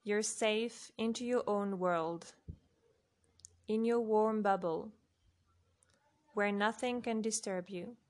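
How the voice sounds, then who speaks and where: Slow, calm woman guiding a meditation. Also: mid-range voice. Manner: soft, unhurried, long pauses between phrases. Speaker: guided relaxation narrator. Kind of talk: slow guided sleep meditation.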